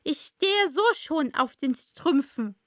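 A terrified hatter stammers and trembles through his pleas, voiced by a woman reading a storybook aloud. His voice sits high and loud, with a shaky, tearful edge. The sound is dry and close. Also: animated, slow, dry recording, heavily acted. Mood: pleading. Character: frightened trembling male hatter.

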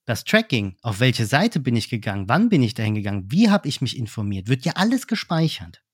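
Two men in conversation, and this one has a middle-pitched voice that comes across very dry and close to the mic. He keeps things lively, tells stories and jumps in and out of the little phone scenes he acts out. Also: a little fast, breathy edge, dry recording. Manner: lively storytelling, acting out phone calls. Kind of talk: casual business chat.

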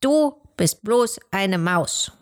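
A woman voicing a gruff, sly grown fox in a storybook, grumbling and scornful. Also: mid-range voice, expressive, very slow, no echo, studio quality.

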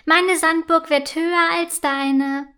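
A woman putting on a bossy little girl who brags and teases her younger sister. The voice sits high and the words come slowly and clearly, like in a children's storybook. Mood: bossy, boastful. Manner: teasing, stubborn, bragging.

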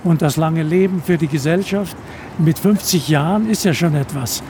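Man in his eighties, high soft-toned voice, measured reminiscing, faint cabin noise behind. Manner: deliberate, measured, pauses mid-phrase. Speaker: retired airline captain, interview guest. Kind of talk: reminiscing interview answers. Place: aboard an airliner.

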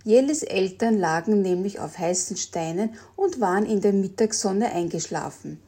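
A woman reading a children's story aloud in a slow, gentle storytelling manner. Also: mid-range voice, breathy edge.

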